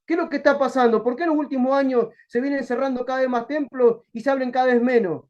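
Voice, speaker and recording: A man with a Rioplatense accent, a pastor giving a colloquial, lively Bible study sermon and acting out bits of dialogue. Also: very high-pitched, quick pace. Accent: Rioplatense Spanish. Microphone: video call. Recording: dull lo-fi video call audio.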